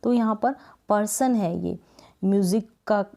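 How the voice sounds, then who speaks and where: A woman from India gives a patient spelling lesson, repeating each word several times and breaking it into slow, stretched syllables. Her voice is mellow and soft-edged, pitched in an ordinary middle range. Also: vocal fry. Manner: slow, drawn-out syllable-by-syllable pronunciation drills; patient, repeats words often with "thik hai" checks. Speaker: English spelling teacher. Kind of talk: explanatory lesson.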